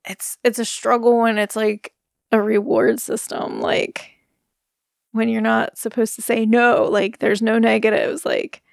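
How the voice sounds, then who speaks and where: A woman's voice: on the high side, creaky, no room sound, studio quality. A middle-aged woman co-hosting a podcast from her bedroom, talking earnestly and rambling with many "like" fillers. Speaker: podcast co-host. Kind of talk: casual chat. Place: bedroom at home.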